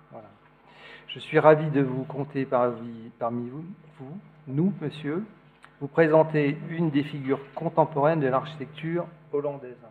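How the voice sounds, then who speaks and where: A man with a mid-pitched voice delivers a formal, prepared speech as host of a lecture. He stumbles now and then as he reads, and the recording is narrow and phone-like. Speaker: host introducing a guest lecturer.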